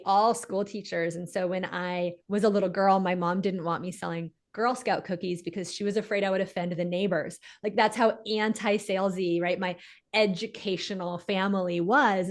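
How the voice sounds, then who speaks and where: A woman giving candid, reflective, affirming answers as a guest coach in a conversational interview. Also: medium pitch.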